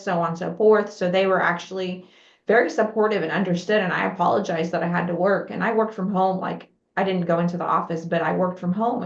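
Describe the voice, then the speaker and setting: Middle-aged woman guest, low-ish gravelly voice, roomy echoey sound, friendly storytelling. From born in Lebanon, raised in Texas. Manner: friendly and open, storytelling with fillers. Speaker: guest, business founder. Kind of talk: casual interview chat. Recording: roomy, dull lo-fi remote audio.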